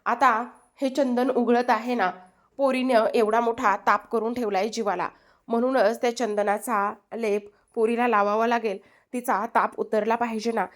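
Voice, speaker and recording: A woman's voice: a little high, steady tone, moderate pace, close to an everyday voice. A woman voicing a cautious older aunt who reasons and worries about appearances in a retold serial.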